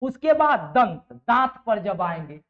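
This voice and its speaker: A man's voice: high-pitched, big pitch swings, a little slow. A male teacher giving a grammar lesson for exam preparation. He asks his students questions and answers them himself, repeats the sounds over and over, and keeps checking with "okay". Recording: dull, lo-fi sound.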